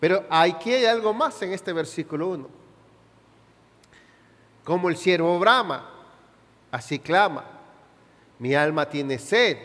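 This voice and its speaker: A man preaching a sermon as pastor, with a Chilean Spanish accent, asking his congregation questions and rising to sudden shouted peaks on slow, stressed words, in a reverberant church hall. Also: sits high.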